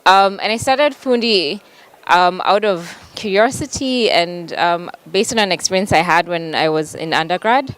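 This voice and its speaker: Smooth-voiced Kenyan-born woman presenting. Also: on the low side. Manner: casual, with frequent ums and light laughs. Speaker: panel speaker. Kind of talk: conference presentation. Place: conference hall.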